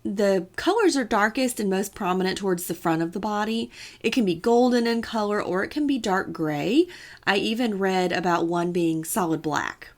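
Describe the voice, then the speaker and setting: A woman's voice: mid-range voice, moderate pace. A woman co-hosting a casual podcast, telling a story with playful asides and a chatty manner. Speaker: podcast co-host.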